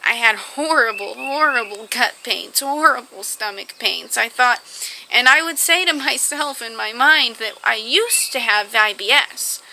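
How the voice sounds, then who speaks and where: A young woman vlogger telling her personal health story to the camera, halting often with fillers and restarts. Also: on the high side, gravelly, pushed and bright, a little hiss or hum, rough recording.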